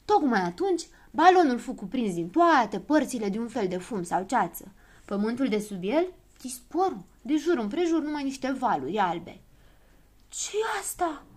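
A woman narrating a children's storybook in an expressive, lively way. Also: fairly high pitch.

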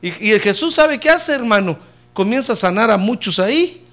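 Male pastor, middle-aged, high and very animated voice, preaching with swings from loud to quiet. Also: normal speed. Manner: preaching with humor, rising loud on key points and dropping low and soft on "hermano". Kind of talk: sermon.

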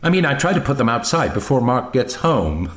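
A man's voice: mid-range voice, sing-song, fairly quick, roomy sound, lightly acted. Man playing Betty, a plucky, curious housewife. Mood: pleading, modest. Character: plucky, curious, self-effacing housewife, warm and pleading.

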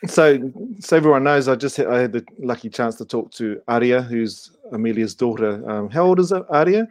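A man hosts an interview, calm and measured. His voice sits at a middle pitch and is recorded dry, with no room sound. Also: dry recording. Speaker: host. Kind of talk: interview, podcast host.

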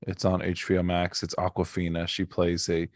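Lively, jokey man with a gravelly voice. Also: deep voice, normal speed, no echo, clean studio sound. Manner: animated, jokey storyteller. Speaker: podcast co-host. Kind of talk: casual chat.

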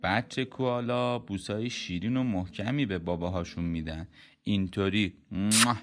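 A woman voicing a kind, patient papa bear who gently coaxes his cub in a storybook reading. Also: very deep voice, faint music behind, pitched below the performer's own voice. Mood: coaxing. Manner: gentle, coaxing, playful.

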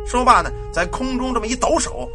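A man telling a ghost tale in a dramatic, animated traditional storytelling style. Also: extremely high pitch, a little fast, creaky, over music.

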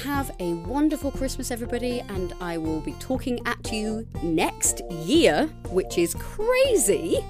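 A woman's voice: on the high side, animated, moderate pace, few pauses, over music. A woman hosting a casual solo podcast late at night, chatty and self-deprecating, sounding a little tired. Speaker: podcast host. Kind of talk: casual solo podcast reading listener challenges.

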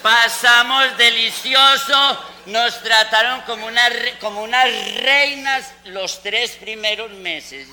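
A man's voice: sits high, noisy background. A man playing a gossipy old Antioquian woman who tells a comic tale, chatty and wry, with an Antioquian accent. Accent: Antioquian Colombian. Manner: chatty, wry, lots of mock-quoted dialogue. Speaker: comic storyteller. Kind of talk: comic stage monologue. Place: school fair stage.

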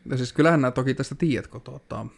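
A man talks in a quiet, low-key manner in a casual chat. His voice is gravelly with a lot of fry, at an average pitch for a man.

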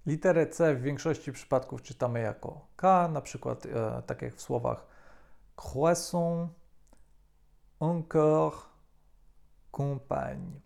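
A man calmly explaining French pronunciation as a language teacher, with frequent hesitation sounds. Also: medium pitch, normal speed, vocal fry, hardly any pauses.

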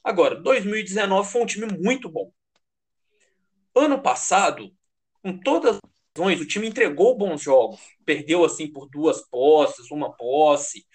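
A man with a high-pitched voice and a Brazilian Portuguese accent talks sports casually and heatedly. He is slangy and emphatic, swears freely and repeats phrases to drive his point home. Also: sing-song, unhurried, slightly rough. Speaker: American football fan commentator.

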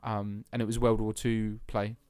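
A man's voice: lowish voice, little pitch movement, normal speed, darkish tone, clean tone, no room sound. A young man from England, chatting casually on a podcast, laughing easily and using plenty of fillers. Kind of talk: casual chat.

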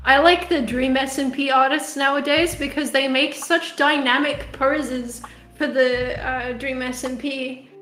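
In an echoey room with soft music in the background, a young woman from South Africa with an Australian accent giggles and rambles as a podcast guest, using plenty of fillers. Her voice is high, steady, unhurried, and a bit bright.

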